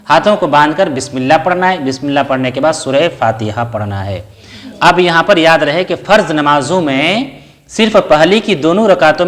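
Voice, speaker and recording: Man explaining prayer steps slowly. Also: on the high side, a bit bright. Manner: asks the listener questions, then answers them himself; recites short Arabic prayer phrases within the explanation. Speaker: religious teacher. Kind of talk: step-by-step spoken lesson.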